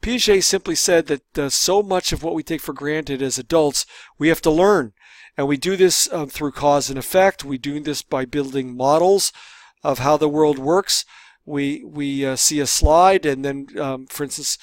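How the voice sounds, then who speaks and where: A man with a somewhat high voice delivers a recorded course lecture, wandering through his points with frequent fillers and self-corrections. The sound is close and dry, with almost no room around it. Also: moderate pace, no echo. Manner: rambling with frequent fillers and restarts. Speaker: college lecturer.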